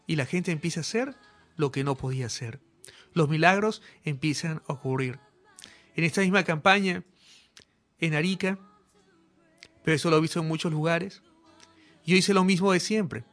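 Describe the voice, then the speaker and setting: High and fairly bright, this man's voice carries a healing sermon aimed directly at viewers. The healing evangelist makes fervent, commanding proclamations.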